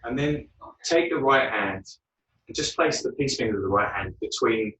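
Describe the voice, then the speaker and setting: A man guiding a yoga class, relaxed and unhurried, with frequent ums. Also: medium pitch, far from the mic, poor audio. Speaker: yoga teacher.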